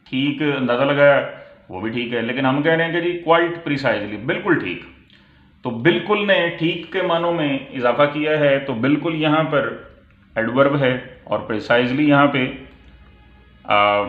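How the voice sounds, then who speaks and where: Guy doing a grammar lesson, reads examples real slow then explains, sounds like a phone in an echoey room. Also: mid-range voice, narrow, tinny audio. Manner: slow, deliberate reading of English example sentences, then explaining in Urdu. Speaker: English grammar teacher.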